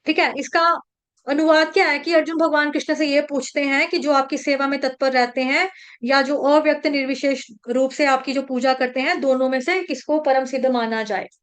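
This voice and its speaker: A woman's voice: high-pitched, steady tone, fairly quick. A woman teaching how to pronounce and recite a Sanskrit verse, breaking words into syllables and explaining their meaning patiently.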